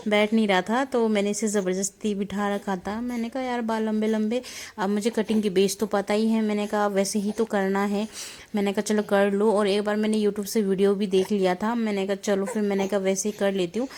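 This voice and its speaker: A young mother talks to her viewers in a loose, rambling home-vlog way. Her voice sits at an ordinary middle pitch, and her chat is easygoing and often broken by laughter. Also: a little mellow. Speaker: mother vlogging her family channel. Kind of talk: casual home vlog narration.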